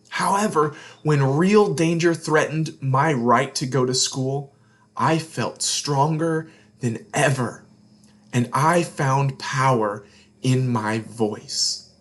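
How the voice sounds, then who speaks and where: A man with a slightly high voice reads a children's story aloud as a read-along host. He is earnest and deliberate, adding dramatic emphasis and letting phrase endings go hushed.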